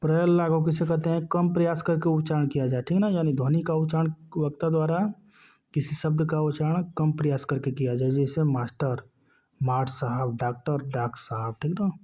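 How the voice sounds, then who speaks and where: Male teacher, lecture, slightly high voice, asks and answers his own questions, dull lo-fi recording. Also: fairly even intonation, a little fast, mellow. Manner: keeps asking and answering his own questions, repeating "ठीक ना". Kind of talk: classroom lecture. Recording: dull lo-fi sound.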